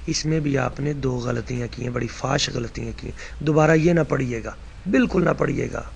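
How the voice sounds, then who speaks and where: A man's voice: mid-range voice, vocal fry, husky. A man in a voice-message debate, correcting recitation errors and scolding with rising heat. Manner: heated, scolding, rises into shouting rebukes.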